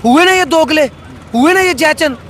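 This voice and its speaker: A man's voice: extremely high pitch, moderate pace, a bit bright, slight background noise. A man, a social activist, speaking with fiery, rhetorical passion in a political interview, repeating phrases for emphasis. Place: outdoors by a road.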